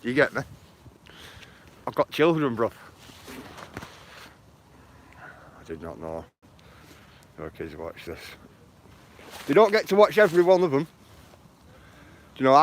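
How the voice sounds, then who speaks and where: A man's voice: mid-range voice, brisk, long pauses. A man with a Lancashire accent chatting casually on a walking live stream outdoors by the water, greeting viewers by name and calling them bro and bruv. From northern England. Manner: uses slang like bro and bruv.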